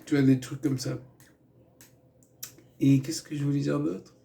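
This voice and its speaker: A man's voice: medium pitch, level tone, a little slow, vocal fry, mellow. A man giving a loose, rambling film review in casual chat, full of fillers, restarts and asides. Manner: meandering, many fillers and restarts, chatty asides.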